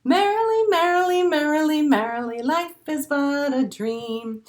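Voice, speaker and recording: A woman with a high-pitched, darkish voice reads a picture book aloud at a measured pace as a children's storytime librarian and host. She reads expressively, adds songs and asides, and speaks simply and encouragingly to young children.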